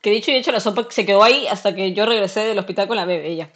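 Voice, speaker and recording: A young woman, a podcast guest and first-time mother, telling a story in a casual, lively way and acting out what other people said. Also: mid-range voice, very fast. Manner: lively, acts out the dialogue of others.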